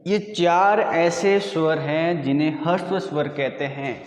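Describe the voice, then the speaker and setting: A man's voice: fairly high pitch, unhurried. A male school teacher giving a grammar lesson, patiently repeating definitions and quizzing his students. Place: school classroom. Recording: echoey room with long reverb.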